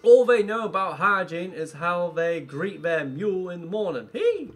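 A man's voice: high-pitched, very animated, moderate pace, faint music behind. A man voicing a batty old prospector from a video game, with an exaggerated folksy drawl and cackling manner. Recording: noisy livestream with game ambience.

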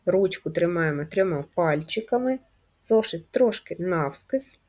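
Husky woman teaching little children. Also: fairly low pitch, lively intonation, a little mellow. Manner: slow, clear, sing-song teacher talk to young children. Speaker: primary school teacher. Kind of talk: video lesson for first graders.

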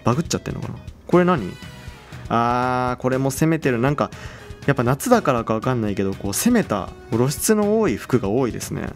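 A young man chatting casually as he plays a game, excitable and quick to exclaim over what he sees. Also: medium pitch, soft background music. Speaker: game channel host.

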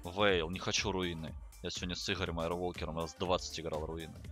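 A man with a very low voice streams a game and comments casually as he plays. He mutters to himself and curses a lot. Clear game music sits behind him. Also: little pitch movement, fast, a bit bright. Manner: muttering to himself, heavy swearing. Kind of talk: casual live gameplay commentary. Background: game music and sounds.

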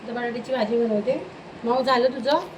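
A woman with a high voice talks casually through her home cooking, filming herself on a phone. The recording is noisy with clear household sounds around her. Her chat is easy and homely. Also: steady tone, fairly quick, roomy sound, distant mic. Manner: chatty, talks sweetly to her pets. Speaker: home vlogger. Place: home kitchen. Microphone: phone camera, self-filmed.

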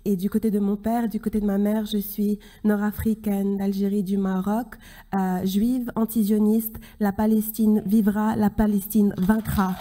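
A woman in her thirties giving a closing conference speech from a podium, earnest and halting, with many restarts. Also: mid-range voice, flat delivery, warm tone. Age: 30s. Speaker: keynote speaker. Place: large conference hall stage at a podium. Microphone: podium microphone.

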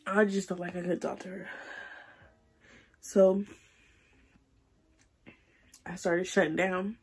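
A young woman, crying and halting as she tells her story while doing her makeup. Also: on the low side, little pitch movement, slightly rough. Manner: emotional, halting, repeats herself. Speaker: beauty vlogger. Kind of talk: tearful get-ready-with-me chat.

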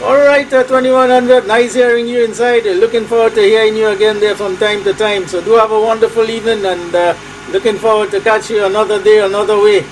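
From a small, cluttered room at home, a man with a Trinidadian accent makes hearty, repetitive radio calls as an operator, his patter full of call signs. His voice sits high with a steady tone and brisk pace, and there's background noise.

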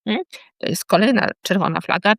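A woman's voice: mid-range voice, a little fast, vocal fry, dry recording. A woman teacher explaining warning signs of dyslexia to parents and teachers, often checking in with short tag questions. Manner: lively, checks in with tag questions like "tak?" and "hmm?".

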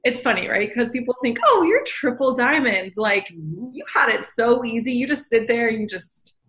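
Chatty woman host, higher voice. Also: lively intonation, normal speed, fairly bright tone. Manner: chatty, filler-heavy, lots of "like". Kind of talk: casual chat.

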